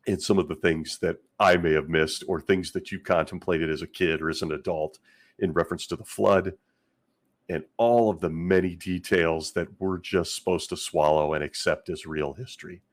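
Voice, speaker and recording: With a deep voice made scratchy and hoarse by illness, a man hosts a casual commentary vlog. He's wry and sarcastic, chuckling often as he talks.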